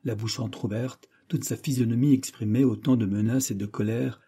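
A man narrating a classic novel as an audiobook, reading in a measured, dramatic way. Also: mid-range voice, fairly even intonation, dark tone, slightly rough. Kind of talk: scripted narration.

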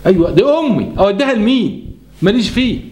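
Guy playing a tired egyptian husband reasoning with his wife, quick talker. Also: high voice, very animated, a little mellow. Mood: weary, reasoning. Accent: Egyptian Arabic. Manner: reasoning, weary. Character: torn, patient adult son and husband.

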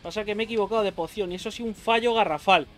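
Very fast and high-pitched with a fairly bright tone, a man gives gaming YouTuber commentary on a boss battle, faint game music audible behind. He's frantic throughout, cursing, yelping, and talking to himself.

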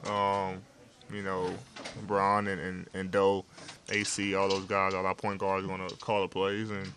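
A young man speaks in a deep voice that hardly rises or falls, answering questions after a game. He talks in a laid-back way, with many fillers and restarts. He is recorded in a locker room with several handheld reporter mics held up to him. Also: completely flat delivery, normal speed, a bit bright, slight background noise. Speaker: basketball player at postgame interview. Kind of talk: postgame press interview.

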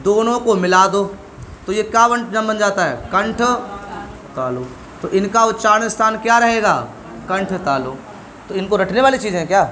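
High-voiced man teaching a classroom lesson. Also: lively intonation, normal speed, bright, forceful tone, a little hiss or hum. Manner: asks questions and answers them himself, drilling syllables.

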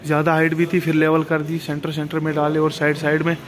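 A man's voice: fairly high pitch, completely flat delivery, quick pace, crowd noise. A young man in his twenties, a truck driver vlogging casually and chatting as he explains his work, filmed on a handheld phone outdoors in a loading yard. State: tired. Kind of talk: casual vlog commentary. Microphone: phone camera held by hand.

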